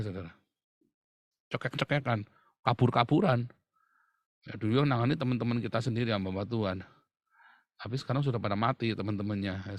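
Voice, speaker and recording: A man's voice: medium pitch, vocal fry, no echo, clean studio sound. A middle-aged man preaching a sermon to his congregation, acting out playful mock quotes as he goes. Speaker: pastor.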